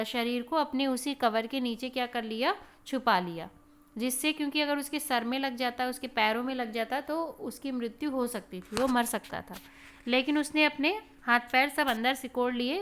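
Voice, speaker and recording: A woman tells a story for children in a smooth, clear voice set a little high. She talks like a teacher, pausing to explain words and to point the listener to the pictures. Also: fairly bright tone.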